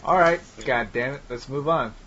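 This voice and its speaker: A man's voice: medium pitch, normal speed, a bit bright. Man rambling casually on a lo-fi call. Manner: rambling, loose, with filler words. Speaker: podcast host. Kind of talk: casual group chat over a call. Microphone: computer mic on a voice call. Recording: dull lo-fi online call audio.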